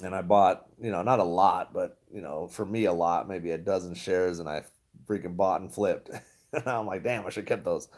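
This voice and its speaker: Deep-voiced and a touch mellow, this stock vlogger speaks at a normal pace, chatting loosely with his livestream audience and laughing often as he rambles.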